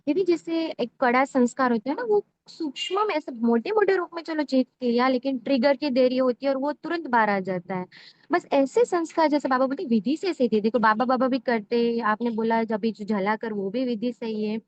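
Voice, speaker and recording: A woman asking a teacher a question, in a hesitant, halting way. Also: high-pitched, no room sound. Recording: dull, lo-fi dry sound.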